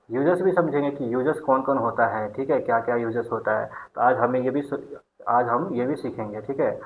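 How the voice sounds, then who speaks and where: Male tutor, chatty lecture with constant checking in, thin phone-line audio. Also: mid-range voice. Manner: repeats "ठीक है" often, asks and answers his own questions. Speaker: accountancy teacher. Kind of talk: online class lecture. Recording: tinny phone-like sound.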